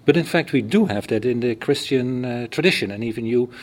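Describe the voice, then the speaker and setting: A man with a Dutch accent hosting a podcast and explaining things in an unhurried, halting way. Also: medium pitch, animated. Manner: explanatory, hesitant with fillers. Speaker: podcast host. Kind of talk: casual podcast chat.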